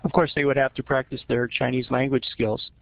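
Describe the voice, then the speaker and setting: Gravelly male interviewer. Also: medium pitch, flat delivery, a little fast, dry recording. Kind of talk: interview questions. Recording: dull lo-fi recording.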